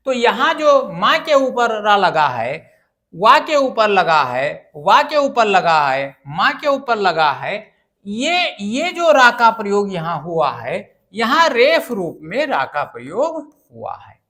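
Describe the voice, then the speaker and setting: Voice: medium pitch, big pitch swings, slow, pushed and bright. A grammar teacher giving an exam-prep lecture, asking questions and answering them, repeating phrases and spelling words out syllable by syllable.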